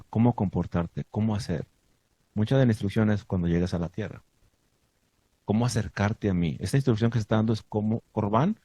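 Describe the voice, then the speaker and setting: A man giving a sermon to his congregation, asking the listeners many questions and stressing points with lively emphasis. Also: lowish voice, breathy edge, dry recording. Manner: asks the audience many questions. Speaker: teacher of a congregation.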